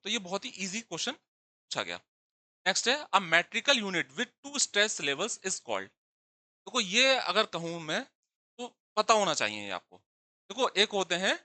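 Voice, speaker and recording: A man's voice: sits high, sharp tone, dry recording. A man teaching English literature for exams, explaining step by step, repeating key terms and answering his own questions. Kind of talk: exam-prep lecture in Hindi with English terms.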